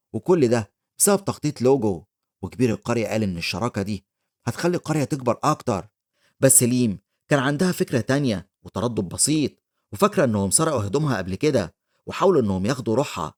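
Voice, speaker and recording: A man with an Egyptian Arabic accent rapidly retelling a comic story as a recap narrator. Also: mid-range voice. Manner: rapid, steady retelling, reads character quotes in his own voice.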